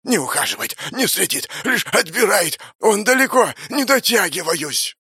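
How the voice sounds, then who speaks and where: A man voicing a towering vengeful male undead ghost, speaking in slow, broken, whispery rasping phrases. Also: high-pitched, big pitch swings, sharp tone, no echo, studio quality, pitched above the performer's own voice, heavily acted. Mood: furious. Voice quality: slow eerie whispery rasp.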